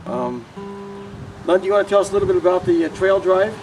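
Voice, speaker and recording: A man informally announcing an event as its organizer, in a halting way. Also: high-pitched, little pitch movement. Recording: distant mic, music behind. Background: plucked guitar music.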